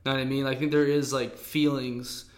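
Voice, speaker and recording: A man's voice: mid-range voice, level tone, normal speed. Rambling laid-back American man. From United States. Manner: easygoing, rambling, lots of fillers. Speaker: podcast host. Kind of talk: casual interview chat. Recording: echoey room.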